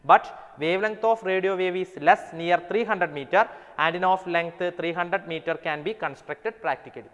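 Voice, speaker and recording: A man's voice: sits high, fairly bright tone, muffled recording. Man teaching in a long echo. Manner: explains step by step, reads English definitions out slowly; mixes English terms into his talk, checks with "alle?". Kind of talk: lecture to students.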